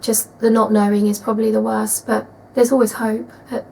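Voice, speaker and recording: Sorrowful woman, played by an actress, documentary interview style, gentle, halting, little pitch movement, light background noise. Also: little pitch movement, creaky, poor audio. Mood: sad, hopeful. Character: sorrowful woman remembering a lovely missing girl. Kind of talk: naturalistic mock-documentary interview.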